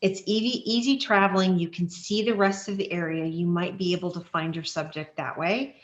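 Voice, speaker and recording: A woman's voice: on the low side, fairly even intonation, brisk, reverberant, highs cut off. A woman instructor explaining search dog strategy to a class in a practical, step-by-step way with frequent fillers. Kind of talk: online class lecture.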